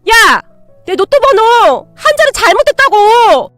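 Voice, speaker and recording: A woman voicing a hotheaded, greedy young ex-boyfriend who yells and makes demands in a spoken story. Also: very high voice, lively intonation, normal speed, dry recording, faint music behind, pitched above the performer's own voice. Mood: furious. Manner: shouting, drunk and demanding.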